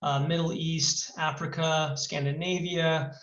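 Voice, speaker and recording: A man's voice: a little high, little pitch movement, unhurried, fairly bright tone. A man working as a study abroad advisor, giving a webinar presentation with many fillers; his voice sounds hollow and boxy, as if inside a fishbowl. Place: new room with a hard echo. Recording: echoey, distant, muffled mic.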